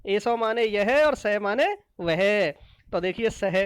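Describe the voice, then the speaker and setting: A woman teacher explaining a lesson to children, slowly repeating each word and asking questions that she answers herself. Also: mid-range voice, smooth, no echo. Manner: slow and repetitive, asks questions then answers them.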